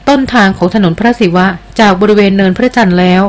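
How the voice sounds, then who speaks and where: A daring young heroine who teases and insists, pushing hard for the truth, as a woman reads her part. The voice sits at an ordinary middle pitch, plainly read from a storybook. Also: fast, natural voice. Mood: insistent. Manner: teasing and insistent. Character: bold, playful young woman demanding answers. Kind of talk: audiobook character reading.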